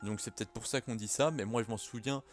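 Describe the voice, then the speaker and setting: A man chats casually to his viewers, pausing often and filling the gaps with hesitant sounds. His voice sits at an ordinary middle pitch. Faint music plays softly behind him. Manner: hesitant, many "euh" fillers. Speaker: YouTuber. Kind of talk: casual vlog talk to camera.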